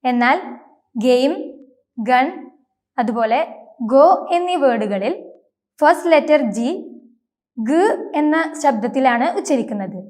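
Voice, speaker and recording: A woman's voice: high voice, lively intonation, measured pace, pauses often, darkish tone. A woman teaching a language lesson in a scripted, careful way, saying each example word twice.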